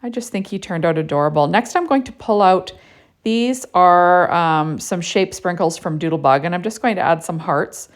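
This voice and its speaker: A woman's voice: lowish voice, normal speed. A woman narrating a casual card-making tutorial in a chatty way, with lots of "you know" and "right?".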